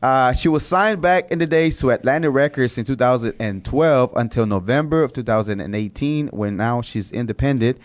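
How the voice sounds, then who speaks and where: A male podcast host whose first language is Spanish chats casually, rambling and correcting himself a lot. His medium-pitched voice moves at a moderate pace with few pauses, and there's no echo.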